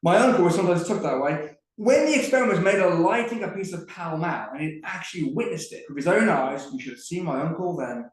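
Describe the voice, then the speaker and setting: A man's voice: on the high side, expressive, fast talker, few pauses, pitched above the performer's own voice, lightly acted. A man doing a proud Cockney lamplighter. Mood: boastful. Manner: chatty storyteller, relishing the tale. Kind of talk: dramatic reading. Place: museum event room. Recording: echoey room.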